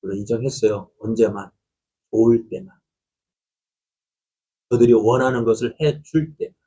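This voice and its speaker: Husky-voiced pastor preaching animatedly. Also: male voice, medium pitch, moderate pace, highs cut off. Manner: rising animated voice acting out quoted lines; asks the congregation questions. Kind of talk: sermon.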